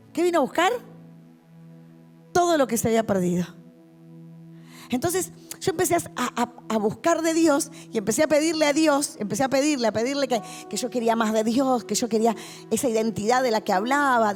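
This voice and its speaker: A woman's voice: fairly high pitch, a little mellow. A woman pastor with a Rioplatense Spanish accent, giving a passionate testimony sermon to a youth meeting in a church hall. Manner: passionate, vivid storytelling.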